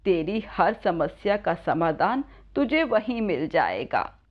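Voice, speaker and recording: A woman voicing an old woman, a goddess in disguise, who gives slow, motherly advice. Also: on the low side, very animated, muffled recording, voice pushed down, exaggerated voice. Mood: gentle.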